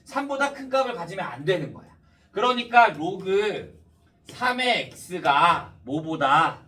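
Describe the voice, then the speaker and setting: High-pitched male math teacher, slurred dental diction. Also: very animated, slow pace, bright, forceful tone, distant mic. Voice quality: slightly slurred, lisping diction, numb-mouthed after wisdom tooth extraction. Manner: didactic, checks understanding often. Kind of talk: step-by-step math lesson with rhetorical questions to students.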